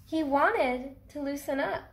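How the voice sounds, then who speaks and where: Reading a picture book to little ones in an indoor cardboard fort, a thirty-something woman takes it slowly, voices the story expressively and asks simple questions. Her high voice has a gravelly texture, and the recording sounds roomy.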